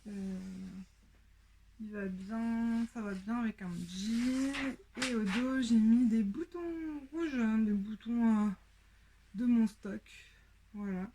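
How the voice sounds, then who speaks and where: A woman with a French accent hosting a casual sewing show-and-tell, talking with many pauses and fillers. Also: a little high, steady tone, dark tone, slight background noise. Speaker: sewing podcast host.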